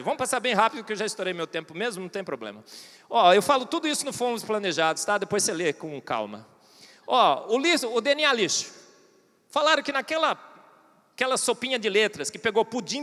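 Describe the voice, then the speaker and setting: A man's voice: high voice, bright, forceful tone. Joking Brazilian man in a reverberant hall. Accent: Brazilian Portuguese. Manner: joking, irreverent, addresses the audience directly. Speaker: conference speaker. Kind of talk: humorous church conference talk. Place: large church hall.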